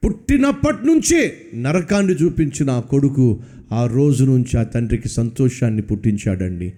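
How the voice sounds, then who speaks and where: A man's voice: medium pitch, big pitch swings, normal speed, warm tone. A male pastor preaching a sermon, pleading and exhorting with dramatic rises and falls.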